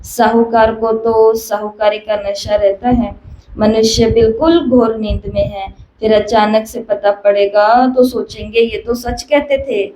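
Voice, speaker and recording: Woman, spiritual teacher, sermon, emphatic repeated questions, fairly high pitch, echoey room. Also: level tone, a little slow, warm tone. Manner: repetitive emphatic questioning, storytelling. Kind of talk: spiritual discourse. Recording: echoey room with faint hiss.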